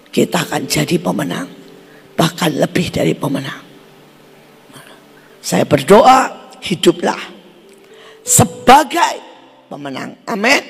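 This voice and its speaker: A woman evangelist giving a fiery sermon, forceful and bursting into shouts. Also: medium pitch, creaky, husky, big-room sound. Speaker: evangelist preacher.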